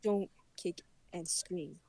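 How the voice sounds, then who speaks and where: A woman's voice: on the low side, slow, gravelly, dark tone, pitched below the performer's own voice, exaggerated voice. A woman putting on a boastful little boy prince who pouts and whines, read aloud from a story. Her tone turns darker and mellower than her usual voice. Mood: petulant. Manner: pouting, petulant.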